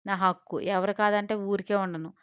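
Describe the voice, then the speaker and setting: A woman's voice: mid-range voice, steady tone, brisk, smooth, no room sound, close to an everyday voice. A woman voicing a headstrong, arrogant young woman who talks back sharply, in a storybook reading. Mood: defiant. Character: defiant headstrong young woman, rude and proud. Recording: slightly dull lo-fi sound.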